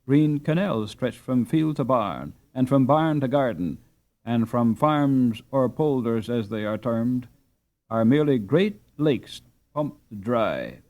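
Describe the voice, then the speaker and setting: A medium-pitched male audiobook narrator reads a classic novel aloud with a measured, expressive storytelling delivery.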